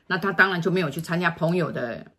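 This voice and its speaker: Middle-aged lady spinning a story, low voice, hushes her voice for quotes. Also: fast talker. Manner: chatty, acts out quoted lines in a hushed voice. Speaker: feng shui consultant telling stories. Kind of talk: casual storytelling chat.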